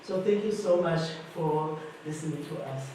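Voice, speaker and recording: A man with a voice on the high side narrates casual anecdotes at a moderate pace. He comes from Germany, speaks German natively, and is a panelist giving a conference talk. The audio was taken in an echoing conference hall from a distant mic, with faint noise.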